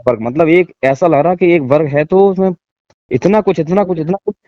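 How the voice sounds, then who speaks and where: A man's voice: on the high side, brisk, no echo, highs cut off. A man, a guest in a casual conversation, describing things in a searching, repetitive way over a video call. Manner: searching, repetitive, thinking aloud.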